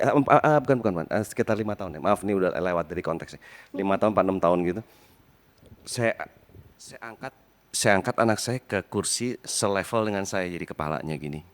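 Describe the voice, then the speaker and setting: A middle-aged man on a stage panel, telling a rambling personal story and correcting himself as he goes. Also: sits low. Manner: rambling, self-correcting anecdote. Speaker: panel guest. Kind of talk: live stage talk.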